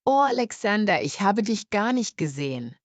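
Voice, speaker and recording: A woman's voice: medium pitch, big pitch swings, moderate pace, dry recording, lightly acted. A woman playing a heartbroken young woman whose love goes unreturned. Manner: tearful and sad. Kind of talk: dramatized story for language learners.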